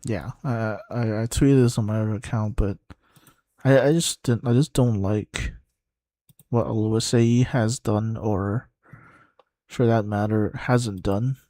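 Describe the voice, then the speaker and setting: A man streaming a live watchalong, halting and thinking aloud as he reacts to the play. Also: lowish voice, fairly even intonation, warm tone, dry recording. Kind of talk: casual live match commentary.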